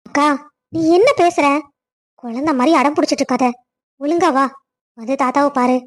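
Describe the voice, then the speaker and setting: Woman as a high-pitched, insistent little sister, coaxing. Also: moderate pace, natural voice.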